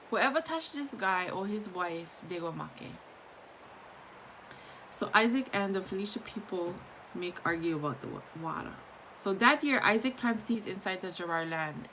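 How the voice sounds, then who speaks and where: A woman's voice: mid-range voice, fairly bright tone, a little hiss or hum, low-quality recording. Woman reading stories aloud in Hawaiian Pidgin. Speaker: Bible story reader.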